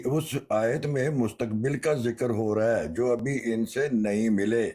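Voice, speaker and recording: A man in a religious debate who speaks in a measured, hesitant way and reads verses slowly. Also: mid-range voice, a little mellow. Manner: measured, hesitant, with pauses and fillers.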